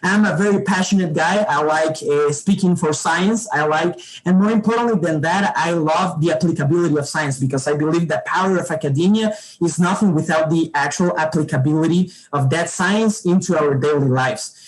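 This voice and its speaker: A man's voice: a little high, fairly quick, hardly any pauses, poor audio. Earnest young man. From Honduras. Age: young adult. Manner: earnest, enthusiastic, repeats "actually" often. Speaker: panelist. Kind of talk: virtual roundtable presentation. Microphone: video call.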